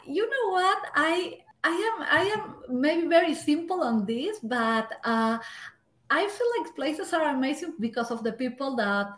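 A woman's voice: high voice, lively intonation, a little slow. A woman from Peru in her forties with a Peruvian Spanish accent, a physician who chats casually as an interview guest, laughs often and restarts words. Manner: laughs often, repeats words when starting. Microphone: remote call. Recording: roomy echo.

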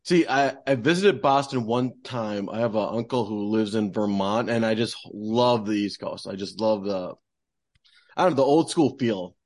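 A man's voice: lowish voice, normal speed, a little mellow, no echo, clean studio sound. A man hosting a podcast, reading an intro and chatting with his guest in an upbeat, friendly way. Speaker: podcast host.

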